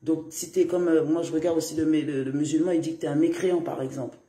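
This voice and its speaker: A man's voice: on the high side, fairly even intonation, fast talker, mellow, a little hiss or hum. A man chatting to viewers in a casual live-stream monologue, rambling and laughing often. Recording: roomy echo.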